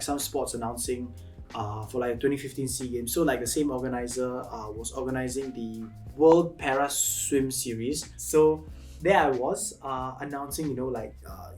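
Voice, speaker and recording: A man's voice: mid-range voice, a little mellow. Singaporean guy in his 20s, chatty interview storytelling, bit far from mic. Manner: chatty, filler-heavy with "like" and "lah".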